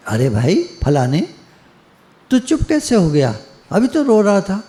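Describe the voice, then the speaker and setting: A man's voice: sits high, huge pitch swings, a little slow, mellow, pitched above the performer's own voice, exaggerated voice. A man voicing a group of teasing friends who mock a drunk. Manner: sly, mocking. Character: four teasing pranking male friends.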